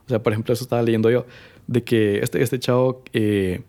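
A man's voice: mid-range voice, steady tone, fairly quick, dark tone. A man chatting casually as a photographer guest, rambling with many fillers and quoted asides. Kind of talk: casual chat.

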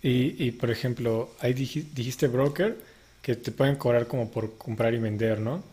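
A man's voice: medium pitch, normal speed, dark tone. A man co-hosting a casual podcast, giving earnest step-by-step advice. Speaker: podcast co-host.

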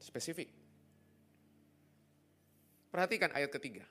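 A man's voice: a little high, expressive, measured pace, bright, forceful tone. A male pastor preaching a sermon, throwing rhetorical questions at the congregation and slipping in casual, joking asides. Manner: jokey, casual slangy asides.

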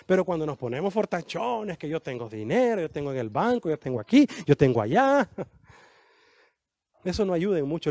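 A man preaching an animated sermon, acting out quoted dialogue with slow, emphatic lines. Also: high voice, no echo, studio quality.

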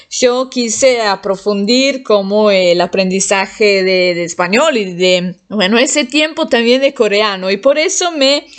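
Casual vlogger: woman, Italian native, slightly high voice, chatty with frequent laughs. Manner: chatty, laughs often between phrases. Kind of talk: casual monologue.

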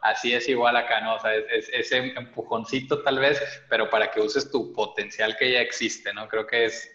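A man's voice: medium pitch, steady tone, normal speed, pushed and bright. Man, interview host, encouraging, echoey room, dull lo-fi sound. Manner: encouraging, reacts with short affirmations. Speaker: podcast host. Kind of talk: casual interview.

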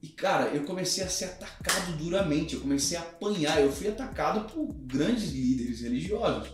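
A man's voice: fairly high pitch, expressive, normal speed. A man in his thirties, a pastor, speaking earnestly and emphatically in a podcast conversation. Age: 30s. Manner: earnest, emphatic, teaching with examples. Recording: very echoey room with music behind.

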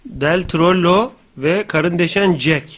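A man's voice: high voice, takes it slowly, a bit bright. A man co-hosting a casual radio show, joking and swearing freely as he banters.

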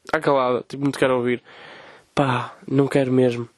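A man's voice: mid-range voice, little pitch movement, fast talker, dry recording. A young man from Portugal with a European Portuguese accent, hosting a podcast as a casual comedic rant, swearing often and mimicking people in quoted voices. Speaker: podcast host.

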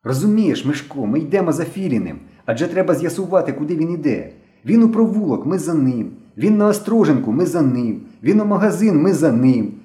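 A man's voice: medium pitch, sing-song, a little fast, dark tone, pitched above the performer's own voice, close to an everyday voice. A man voicing a cocky, impulsive schoolboy in a storybook reading, with a brash, offhand way of talking. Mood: excited. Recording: roomy echo.

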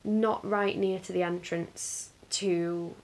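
A woman's voice: fairly low pitch, fairly even intonation, slow. A woman, co-hosting a podcast in casual chat, talking chattily and acting out little quotes. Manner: chatty, restarts sentences, acts out quotes. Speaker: podcast co-host.

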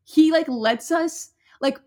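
A young woman with a slightly high voice rambles through a personal story in relaxed conversation. She leans on fillers, restarts her sentences and keeps breaking into laughter as she talks. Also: takes it slowly. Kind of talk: casual chat.

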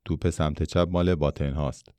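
A man's voice: very deep voice, fairly even intonation, mellow, smooth, dry recording. A man voicing a proud, blunt factory foreman in a storybook reading, calling out as if over machine noise.

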